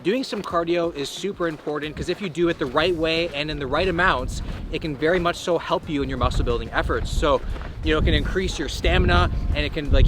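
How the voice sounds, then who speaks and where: A man's voice: fairly high pitch, background noise. A young man chatting casually and jokingly in a fitness vlog, explaining diet tips. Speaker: fitness vlogger.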